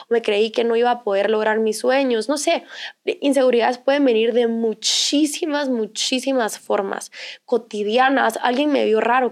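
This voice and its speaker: A woman's voice: a little high, vocal fry. Conversational woman pastor. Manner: warm conversational, many fillers and restarts. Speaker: pastor and podcast co-host.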